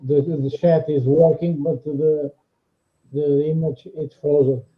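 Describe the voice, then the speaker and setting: A man chatting on a video call, halting and searching for words in non-native English. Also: on the high side, level tone. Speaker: guest on a livestream. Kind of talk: casual chat. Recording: dull lo-fi call audio.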